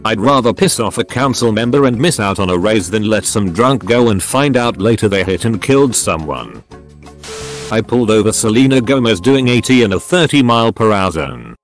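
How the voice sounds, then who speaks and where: A man narrating forum stories in a steady, matter-of-fact reading voice. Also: lowish voice, moderate pace. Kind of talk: scripted narration. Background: faint background music.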